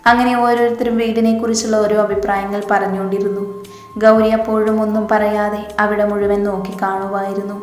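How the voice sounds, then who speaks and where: A woman narrating a romance novel in a steady reading voice. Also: medium pitch, fairly quick. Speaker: story narrator. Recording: echoey room with long reverb. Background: faint music.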